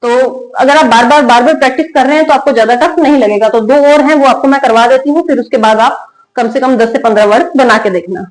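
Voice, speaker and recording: A woman teaching English spelling rules in Hindi, asking questions and answering them herself, drawing out example words slowly. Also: sits high. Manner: repeats questions and answers them herself, slow drilled word readings. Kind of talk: Hindi-medium spelling lesson at a board. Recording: echoey room.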